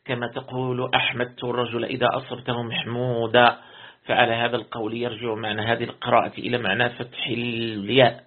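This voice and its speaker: A man, a sheikh, reading a religious commentary aloud as a lesson. He reads steadily, repeats words to correct himself and slows into chant for quoted verses. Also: mid-range voice, monotone. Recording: tinny lo-fi phone-like recording.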